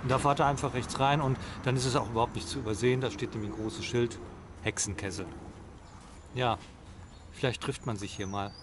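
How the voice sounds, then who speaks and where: A man's voice: medium pitch, steady tone, fairly quick. An older man vlogging casually from a restaurant patio into an arm's-length camera, rambling with many fillers. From Germany. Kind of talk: casual vlog chat. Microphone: action camera at arm's length. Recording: noisy outdoor ambience.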